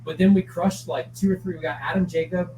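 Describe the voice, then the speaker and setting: Dude guesting on a podcast, kinda high voice, rambly and cussing a lot, faint noise behind. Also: male voice, steady tone, fairly quick, darkish tone, low-quality recording. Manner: rambling and profane, with many fillers and restarts. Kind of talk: casual chat.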